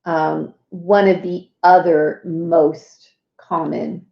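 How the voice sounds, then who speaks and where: A woman hosts a casual live walkthrough and talks slowly, with plenty of fillers and small asides. Her voice sits at a middle pitch. It sounds roomy and a little dull. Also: level tone, vocal fry. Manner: chatty, lots of fillers and asides. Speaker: host.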